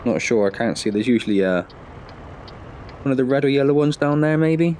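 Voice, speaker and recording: This is casual let's-play commentary from a man hosting his own gaming channel, slightly congested from a head cold as he plays a driving game. His medium-pitched voice is expressive and a little fast, with background noise behind it, and he rambles chattily, thinking aloud with self-deprecating remarks.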